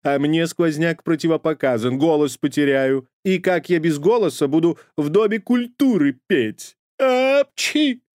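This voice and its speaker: A man doing a shrill fussy old nanny. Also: lively intonation, dry recording, clean studio sound. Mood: insistent. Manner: shrill, loud, drawn-out words. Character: prim fussy old nanny woman, sneezing.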